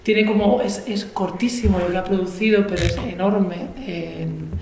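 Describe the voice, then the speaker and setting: Seated at a table mic on a large auditorium stage, a woman moderates a literary conversation with a lowish, slightly mellow voice and a steady tone. She speaks haltingly, full of fillers and restarted sentences. The room is echoey, with faint background noise.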